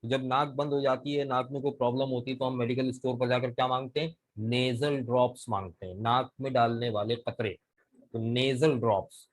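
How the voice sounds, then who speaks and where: A man's voice: mid-range voice, steady tone, moderate pace, rough recording. A male teacher with a Pakistani Urdu accent giving an online vocabulary lesson over a video call, explaining step by step and asking his students questions. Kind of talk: online class lecture.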